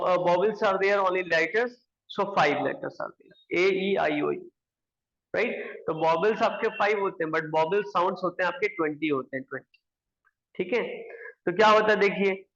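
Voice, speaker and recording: High-voiced man teaching English grammar. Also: fairly bright tone, highs cut off. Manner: explains step by step, asking and answering his own questions. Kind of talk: classroom explanation.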